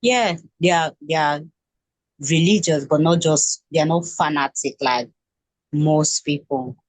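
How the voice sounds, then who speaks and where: Interview guest: Nigerian woman in her twenties, low pitch, halting delivery, dry recording. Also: dry recording. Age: 20s. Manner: hesitant, with many restarts and fillers. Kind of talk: casual interview.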